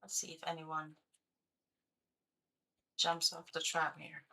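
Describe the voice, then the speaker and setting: Woman, young adult, game streamer, casual chat with viewers, slow, bright voice, cracking. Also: deep voice, completely flat delivery. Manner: chatty, talks to viewers while building. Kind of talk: casual live-stream chat while playing.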